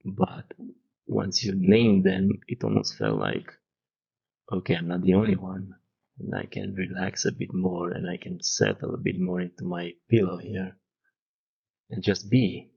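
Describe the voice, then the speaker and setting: Deep gravelly male podcast host. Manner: slow, soft, reflective, gentle laughs. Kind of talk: casual conversational interview. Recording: muffled lo-fi recording.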